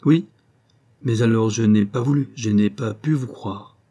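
A man's voice: lowish voice, measured pace, warm tone. A man voicing an earnest young man declaring his love, with pleading, emphatic phrasing, in an audiobook reading.

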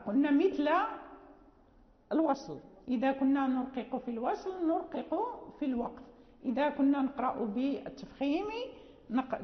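A woman teaching the rules of Quran recitation in an explanatory lesson. She often checks in with her listeners with a quick "hm?" and goes over each point slowly, one step at a time. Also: sits high. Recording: dull, echoey hall recording.

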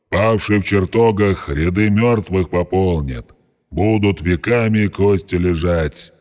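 Man putting on a slow booming lich. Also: darkish tone, big-room sound. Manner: slow solemn chanting. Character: ancient gaunt undead lich, male, solemn and menacing.

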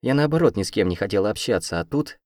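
A man voicing a feisty young woman student with a sharp, mocking tongue, in an audiobook. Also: on the low side, lively intonation, fast talker, no room sound, clean studio sound, natural voice. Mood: defiant, mocking. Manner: mocking, combative.

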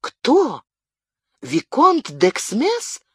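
A woman's voice: a little high, lively intonation, a little slow, dry recording, voice pushed up. A frantic young woman pleads in a raised, quivering voice, close and dry with no room sound around her. A man reads her out in a storybook reading. Her words come out tearful and broken. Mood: astonished. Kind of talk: audiobook character voice.

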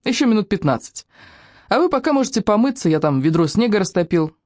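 A woman voicing an energetic, bossy retired naval father in a storybook reading. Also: mid-range voice, fast talker, no echo, studio quality, voice pushed up. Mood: commanding.

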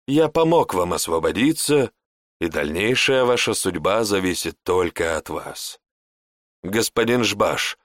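A man voicing a polite male servant mage who speaks dryly and calmly. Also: deep voice, no room sound, studio quality. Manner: measured, courteous, unhurried.

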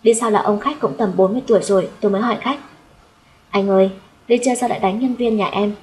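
A woman's voice: medium pitch, steady tone, fast, a little mellow, rough recording. A woman reading a first-person audio story aloud and voicing its dialogue in her own voice. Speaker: audiobook narrator. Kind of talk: storytelling narration with character dialogue.

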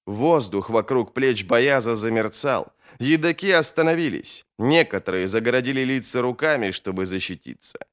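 A man narrating a fantasy novel as an audiobook in a steady, expressive storytelling manner. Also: mid-range voice.

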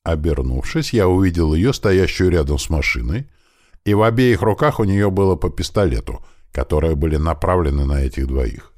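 A man's voice: low voice, expressive, normal speed, a little mellow, dry recording, clean studio sound. A man narrating a first-person audiobook, telling it with tension. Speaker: audiobook reader.

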